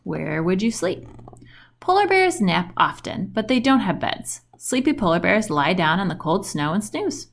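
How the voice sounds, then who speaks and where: Reading a children's book aloud, a woman with a gravelly, mid-range voice tells the story expressively and unhurriedly, using questioning intonation.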